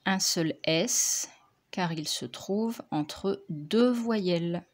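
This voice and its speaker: A woman teacher, slowly dictating and correcting spelling words for young pupils, articulating each word carefully. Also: lowish voice. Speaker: primary school teacher.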